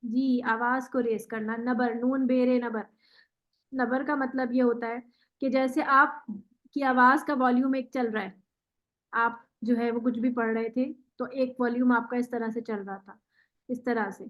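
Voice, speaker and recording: A woman teaching Quran recitation in an online class, patiently modelling words slowly and praising the student. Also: on the high side, steady tone, lo-fi sound. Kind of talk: online tajweed lesson.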